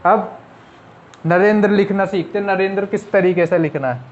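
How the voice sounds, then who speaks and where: A young man teaches a shorthand lesson in a fairly high voice, talking through each stroke step by step. He asks his class questions and answers them himself. The recording sounds dull and lo-fi. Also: normal speed.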